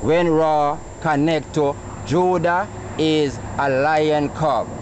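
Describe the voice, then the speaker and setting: A man's voice: a little high, fairly even intonation, takes it slowly, a little mellow. A man with a Jamaican accent philosophizing informally, teaching by quizzing his listeners with rhetorical questions. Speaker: Rastafarian farmer. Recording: noisy outdoor recording with traffic.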